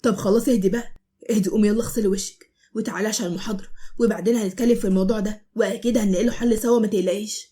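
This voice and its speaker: A woman voicing a gentle, soothing young man in an Egyptian cartoon story. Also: medium pitch, steady tone, rapid-fire, close to an everyday voice. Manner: soothing, apologetic.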